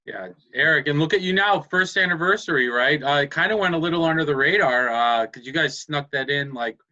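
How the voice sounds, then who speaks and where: A man with a bright, forceful voice at a middling pitch asks questions in a casual interview. The recording is slightly dull and lo-fi. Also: a little fast.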